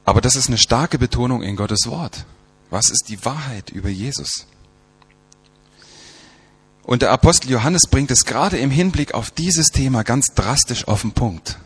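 A man preaching a sermon, emphatic, asking rhetorical questions and slowing down to stress quoted scripture. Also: mid-range voice, lively intonation, a bit bright, husky.

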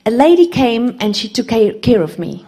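A woman preaching in English, telling a testimony in short phrases and pausing for her interpreter, softening to a hush when she gives God's words. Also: a little high, very animated, breathy edge. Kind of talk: sermon with interpreter.

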